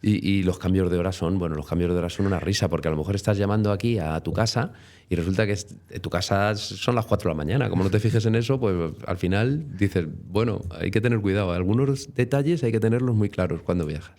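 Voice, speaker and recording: Spanish guy chatting about his trips, lowish mellow voice, rambles a lot. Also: quick pace. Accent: Spain Spanish. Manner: chatty, rambling with many tag questions. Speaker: interview guest. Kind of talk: casual storytelling interview.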